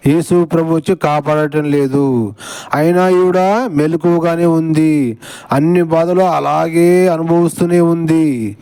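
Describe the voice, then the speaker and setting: A man with a high voice mocks the clip he is reacting to and keeps turning to his audience with questions. His delivery is sarcastic and talky. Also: a little mellow, low-quality recording. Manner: sarcastic, addresses viewers directly. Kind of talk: mocking online commentary.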